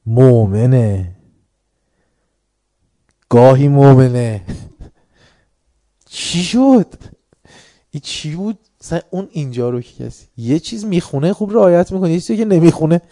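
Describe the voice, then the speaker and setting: A man's voice: a little high, animated, warm tone, no room sound, studio quality. A man giving an informal religious talk to an audience, conversational and joking, often mimicking other people's voices. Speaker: religious lecturer.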